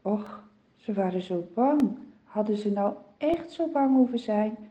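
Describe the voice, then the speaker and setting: A woman telling a Bible story to children in an expressive, vivid way. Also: medium pitch, unhurried, muffled recording.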